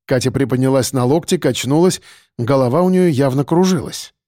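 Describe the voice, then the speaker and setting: An audiobook narrator with a medium-pitched voice reads a scripted story in a steady, measured storytelling manner. The clean studio sound has no room noise.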